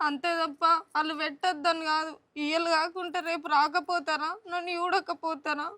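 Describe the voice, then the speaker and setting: A woman's voice: very high voice, flat delivery, normal speed, sharp tone. A woman playing a tearful pregnant young wife with a Telangana accent. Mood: pleading. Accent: Telangana Telugu. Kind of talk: village short film acting.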